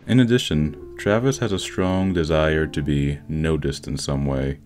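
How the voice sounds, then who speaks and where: This video essay voice-over features a man with a rumbling low, darkish voice, reading scripted film analysis at a measured pace. Background music is instrumental, built on plucked guitar.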